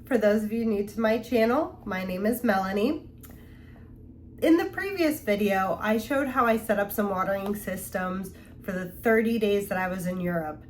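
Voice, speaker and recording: At a moderate pace and in a mid-range voice, a woman speaks over slight background noise. She's the host of a plant channel, congested with a cold, wandering through her home and chatting casually with fillers in a home-tour vlog.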